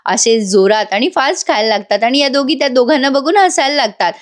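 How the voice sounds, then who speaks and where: A woman giving a lively, chatty recap of a TV serial episode. She laughs as she retells it. Her voice sits fairly high. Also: a little fast. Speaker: TV serial reviewer.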